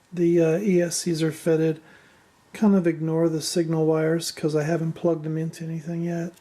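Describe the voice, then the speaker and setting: A woman with a deep, warm voice gives a casual, unscripted walkthrough of a build as a hobbyist presenter. She comes across hesitant and self-deprecating, and machine noise is clearly audible behind her.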